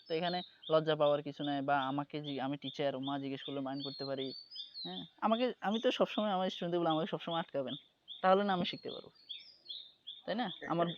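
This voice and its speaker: Patient man teaching an English class. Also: fairly high pitch. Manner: patient, explains slowly, often checks understanding. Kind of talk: online class lesson. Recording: dull lo-fi audio with background noise.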